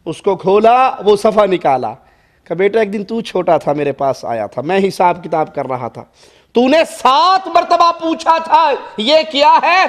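A male preacher with a strikingly high voice delivers an impassioned sermon. He moves between quiet storytelling and forceful, shouted appeals to the congregation.

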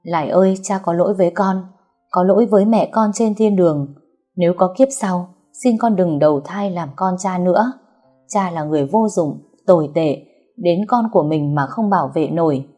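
A woman's voice: on the low side, moderate pace, soft background music, lightly acted. A woman voicing an anguished old father who is desperate and full of remorse. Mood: remorseful. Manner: frantic shouting, then broken self-reproach.

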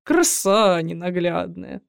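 A woman reader voicing a cheeky young man who speaks in hushed urgency and wheedles when he flatters. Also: lowish voice, slow, creaky, clear, resonant tone, no room sound, clean studio sound, exaggerated voice. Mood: wheedling. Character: young male orderly, cheeky and quick.

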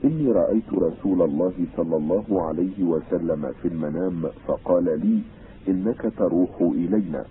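A grave, resolute leader facing his death speaks in a very deep voice, as a male narrator reads him. The delivery is slow and solemn, heard through a tinny old radio broadcast with faint hiss. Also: close to an everyday voice. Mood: solemn resolve. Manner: solemn, measured recitation.

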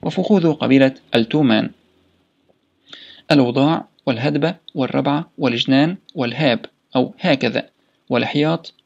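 Man, gravelly voice, steady audiobook reading, slightly dull lo-fi sound. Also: mid-range voice. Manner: steady reading of name lists with asides. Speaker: reader.

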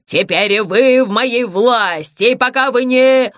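A woman voicing a pompous male ghost who rules a ruined theatre, speaking slowly and menacingly. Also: fairly high pitch, a bit bright, dry recording, clean studio sound. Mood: gloating. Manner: slow, drawn-out and menacing.

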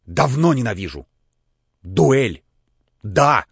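A man reading an audiobook, voicing an overwrought young man who shouts in a high, cracking voice. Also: sing-song, unhurried, no echo. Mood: hissing hatred. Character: hysterical young man, indignant, near breakdown. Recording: dull, dry lo-fi recording.

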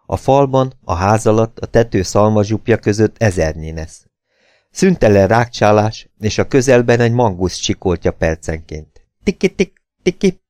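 A man narrating an audiobook in a steady, measured reading. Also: fairly low pitch, no echo, clean studio sound. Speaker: audiobook reader.

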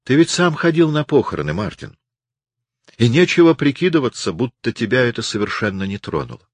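A man voicing a sharp, defiant young woman in an audiobook, with indignant, mocking retorts. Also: medium pitch, big pitch swings, brisk, husky, no room sound, pitched above the performer's own voice. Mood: reproachful. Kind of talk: audiobook reading.

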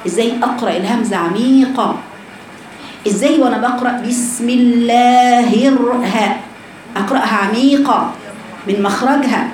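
A woman with an Egyptian accent teaching a recitation lesson to women, explaining slowly and voicing letter sounds aloud to demonstrate. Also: on the high side, a little mellow. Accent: Egyptian Arabic. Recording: echoey room with background noise.

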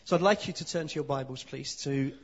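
Husky London preacher, lively and short-phrased. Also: male voice, medium pitch, lo-fi sound. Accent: London English. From London, England. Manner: lively, pauses for interpreter, speaks in short phrases. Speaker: visiting preacher. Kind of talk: sermon with live interpretation.

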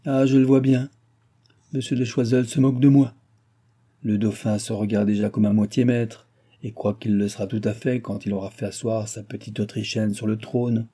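A man's voice: fairly low pitch, fairly even intonation, moderate pace, warm tone, husky. A man reading an audiobook, voicing an aging king who is furious and sorry for himself, grumbling and exclaiming bitterly. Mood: brooding.

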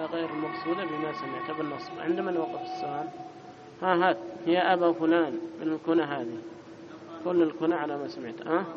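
A man teaching an Arabic grammar lesson, quizzing his students, correcting them briskly and reading the text aloud in a louder, higher voice. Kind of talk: classroom lesson with student questions. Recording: dull lo-fi recording with clear background noise.

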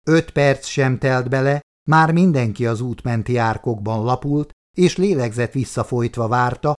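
A man reading an audiobook aloud in a calm, measured storytelling manner. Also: mid-range voice. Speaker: audiobook reader. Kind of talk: scripted narration.

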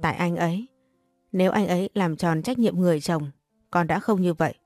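A woman's voice: on the low side, fairly quick, darkish tone, dry recording, clean studio sound, soft background music, natural voice. A woman reading the lines of a desperate young wife in a spoken story, pleading. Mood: defiant.

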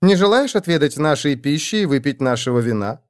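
A man's voice: a little high, lively intonation, fairly quick, no room sound, studio quality, lightly acted. A man voicing a gracious, formal noble elf woman. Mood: courteous. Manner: courteous, formal.

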